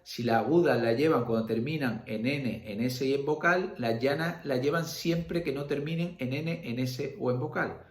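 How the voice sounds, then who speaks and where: A man's voice: medium pitch, roomy sound. A man from Spain with an Andalusian accent, a secondary school language teacher giving a recorded lecture, full of fillers and checks for understanding. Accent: Andalusian Spanish. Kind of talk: classroom lecture video.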